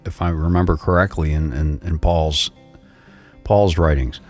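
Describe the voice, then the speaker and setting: A man in a casual faith discussion, animated, repeating himself and laughing often. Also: very deep voice, measured pace, soft background music. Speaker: co-host.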